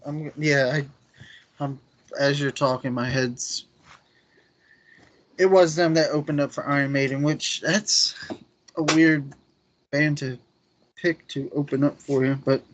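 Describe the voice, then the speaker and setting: A man's voice: fairly high pitch, fairly even intonation, unhurried, pauses often, slight background noise. A man in his thirties co-hosting a podcast, chatting casually and often trailing off mid-sentence. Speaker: podcast co-host. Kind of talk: casual chat.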